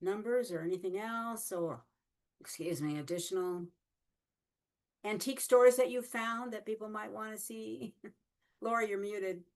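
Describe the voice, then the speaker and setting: A woman's voice: medium pitch, measured pace, pauses often. A woman organizing a fan gathering, chatting casually on a video call with many fillers.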